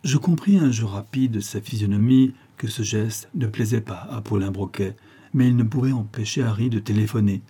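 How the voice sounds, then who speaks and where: A man's voice: lowish voice, normal speed, warm tone, husky. Man narrating a detective audiobook. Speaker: audiobook reader.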